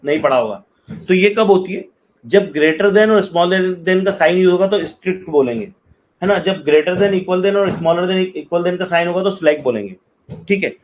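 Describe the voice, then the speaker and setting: A man's voice: high voice, rough recording. A male math teacher lecturing in with a slight touch, explaining step by step and often asking students whether they understand. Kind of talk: classroom lecture.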